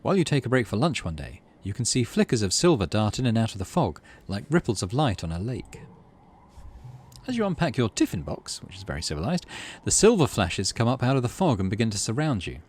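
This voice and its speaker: This middle-aged man, a gaming channel host, narrates a let's play by reading the game text expressively and muttering offhand asides to himself. His delivery is sing-song and brisk, in a mid-range voice that's a little mellow.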